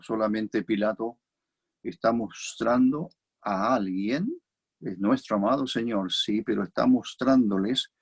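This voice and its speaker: Husky Chilean preacher, reflective sermon. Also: male voice, on the low side. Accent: Chilean Spanish. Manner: reflective, repeats key phrases for emphasis. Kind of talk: expository sermon.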